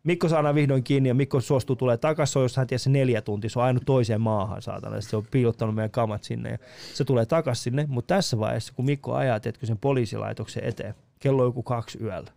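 A man's voice: mid-range voice, steady tone, gravelly, warm tone. A man telling a comedy story in casual chat, swearing a lot and acting out other people in broken English. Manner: swearing often, acts out voices in broken English. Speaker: comedian guest.

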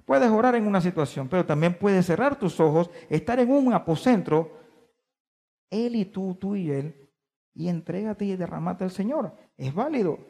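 A man preaching a sermon to his congregation, stressing key words by drawing them out slowly and putting questions to his listeners. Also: high voice, animated, creaky, darkish tone, in a large hall. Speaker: pastor. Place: church.

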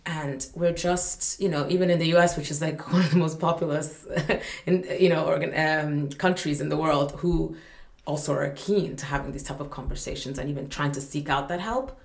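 Her voice sits low, with fairly even intonation and a normal speed, heard in an echoey room. She is a Malawian humanitarian staff representative talking earnestly on a podcast, frequently looping back with fillers and restarts.

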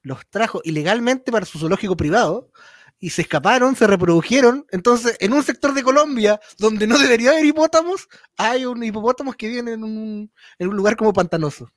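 Chilean man, casual co-host, quick dry jokes, high register. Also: no room sound. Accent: Chilean Spanish. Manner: deadpan quips and trivia. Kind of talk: casual comedic chat.

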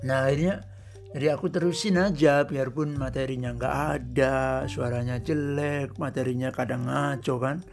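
A man's voice: medium pitch, gravelly, darkish tone. A man hosting his own podcast, talking in an easygoing, rambling, conversational way. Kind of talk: casual solo podcast monologue.

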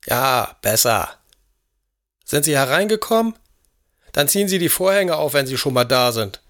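A high, querulous old aristocrat in an audio drama, forever demanding and indignant. He barks orders with a lord's impatience. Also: big pitch swings, moderate pace, fairly bright tone. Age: older. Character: elderly, imperious, irritable English aristocrat.

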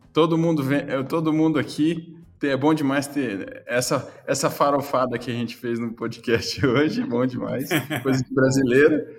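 A man with a Brazilian accent hosting a podcast in a casual, chatty style. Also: medium pitch. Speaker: podcast host.

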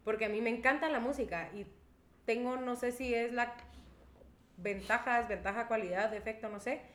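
A young woman tells a story in a bright, sharp voice, laughing now and then as she goes. Her pitch sits a little high. The room is echoey. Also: normal speed. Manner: lively storyteller, laughs while telling. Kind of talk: casual chat.

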